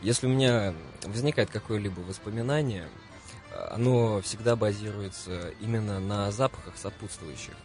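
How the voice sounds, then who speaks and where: Мужчина, гость радиоинтервью, говорит картаво, не раскатывая «р», с паузами и повторами слов. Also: male voice, on the low side, moderate pace, darkish tone. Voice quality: burred non-rolled r (kartavit), like w for r. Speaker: radio guest, advertising and marketing specialist. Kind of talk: radio interview talk. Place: radio studio. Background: clear music.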